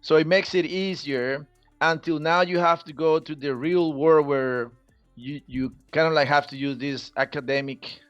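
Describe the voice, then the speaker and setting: As a podcast guest, this middle-aged Costa Rican man—a native Spanish speaker with the local accent who teaches Spanish—shares his personal story casually. He talks at normal speed in a fairly high, steady, fairly bright voice, with no room sound, dull audio, and faint music underneath.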